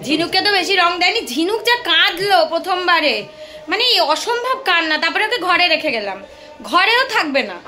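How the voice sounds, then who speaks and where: A woman's voice: extremely high pitch, expressive, brisk, bright, forceful tone, faint music behind. A young woman from Kolkata with a Kolkata Bengali accent, chatting casually to her phone camera at home in a vlog. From Kolkata, India. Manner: chatty, narrates family moments to the camera. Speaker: lifestyle vlogger. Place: family home, indoors. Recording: noisy home phone recording.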